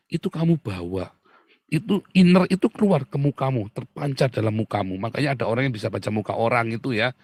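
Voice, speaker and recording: A man preaching a sermon in a chatty, lively way, laughing often and calling listeners "saudara". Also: mid-range voice, no echo, studio quality.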